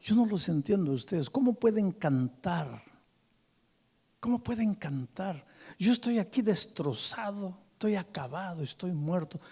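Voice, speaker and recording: A man's voice: mid-range voice, fairly even intonation, a little slow, slightly rough. A man preaching, acting out a grieving father who lashes out bitterly and begs through tears. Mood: anguished, accusing. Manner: bitter shouting, then sobbing pleas. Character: grieving angry middle-aged father.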